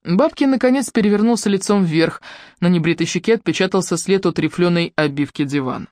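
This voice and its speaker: A woman narrating an audiobook in a steady, expressive reading. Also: lowish voice, a little fast, no echo, studio quality.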